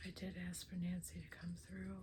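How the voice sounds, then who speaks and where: An older woman running a spirit box session for her vlog, speaking in a hushed, often whispered, earnest and emotional way, pleading for signs. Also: on the low side, completely flat delivery, fairly quick, background noise.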